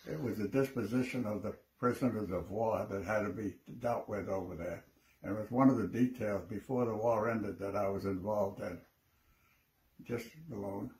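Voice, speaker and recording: An elderly American man, an old veteran remembering his service in a plain, halting way. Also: fairly low pitch, a little mellow, low-quality recording. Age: 80s or older. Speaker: World War II veteran. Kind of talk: personal reminiscence.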